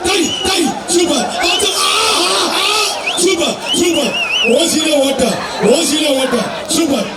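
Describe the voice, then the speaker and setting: A man announcing a live bull-taming event over a loudspeaker, shouting repeated excited calls. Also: very high-pitched, slow. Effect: through a loudspeaker. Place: outdoor festival arena. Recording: echoey loudspeaker heard from far, loud crowd. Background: loud cheering crowd and noise.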